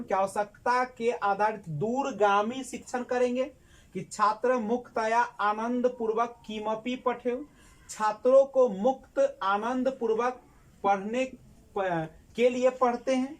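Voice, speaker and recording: A woman's voice: on the high side, steady tone, measured pace. A woman teacher giving an exam-prep lesson, asking the class questions and answering them herself, repeating key words.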